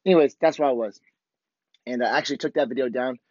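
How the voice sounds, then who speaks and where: Hoarse man in a roomy, dull recording. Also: medium pitch, fast talker, darkish tone. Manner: candid, rambling, heavy swearing. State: hoarse, voice worn out from overuse. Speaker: podcast host. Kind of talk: casual, profane motivational monologue.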